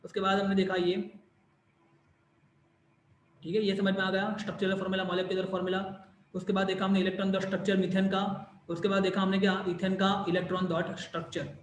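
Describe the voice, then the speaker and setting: A man's voice: high-pitched, monotone, fast talker, echoey room, slight background noise, rough recording. A man teaching a chemistry class online, repeating questions and answering them himself, with bits of English mixed in.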